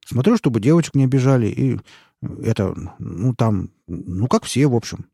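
A man's voice: medium pitch, lively intonation, normal speed, creaky, warm tone, slightly rough, no echo, clean studio sound. A man reading aloud and voicing a fawning, frightened male snitch who pleads and wheedles in folksy slang. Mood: wheedling.

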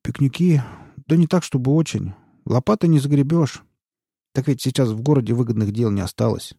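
A man's voice: medium pitch, a little fast, vocal fry, dark tone, husky, dry recording, clean studio sound, voice pushed up. A man reading aloud and voicing a fawning, frightened male snitch who pleads and wheedles in folksy slang. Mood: wheedling.

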